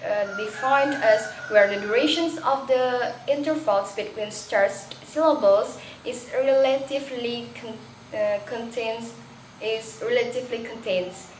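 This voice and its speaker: Young woman, student presenter, slightly high voice, hesitant restarts, echoey room with a faint background hiss. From Indonesia. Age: young adult. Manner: slow, careful reading with hesitant restarts. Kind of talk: reading a class presentation.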